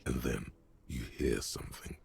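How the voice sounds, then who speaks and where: An actor narrating a video game in a slow, wry, literary manner as a brooding inner voice. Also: male voice, extremely low pitch, vocal fry, darkish tone, husky, heavily acted.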